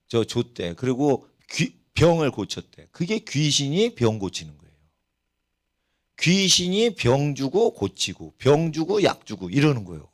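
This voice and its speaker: A middle-aged man, a pastor, preaching a sermon in church, telling stories and putting questions to the congregation. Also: a little high. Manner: animated storytelling preacher, rhetorical questions to the congregation. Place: church sanctuary.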